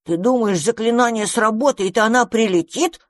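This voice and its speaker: A woman's voice: on the high side, moderate pace, no room sound, studio quality, pitched above the performer's own voice, natural voice. A woman voicing a young boy mouse who is jealous and fretful, talking in a grumbling way.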